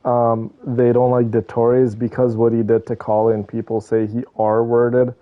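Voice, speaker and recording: A man offers conversational, opinionated reaction commentary while he plays a game on stream. He speaks at a normal speed in a mid-range voice with a completely flat delivery. Behind the slightly dull audio, game music can be heard.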